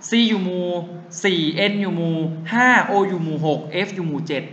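A man's voice: high voice, moderate pace, fairly bright tone, echoey room, lo-fi sound. A young man teaching chemistry to a class, drilling memory tricks in a sing-song chant and calling himself their big brother. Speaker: chemistry tutor.

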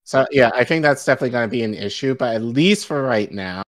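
Co-hosting a live stream from an indoor home studio, this man reads news pieces aloud in a mid-range voice with lively intonation and a quick pace. He stumbles on foreign names, laughs readily, and has an Igbo-speaking background.

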